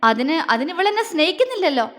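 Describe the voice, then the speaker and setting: A woman's voice: extremely high pitch, sing-song, fast talker, in a large hall, pitched above the performer's own voice, heavily acted. Woman doing a furious heartbroken young man. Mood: anguished shouting. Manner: shouting, voice breaking, repeats words.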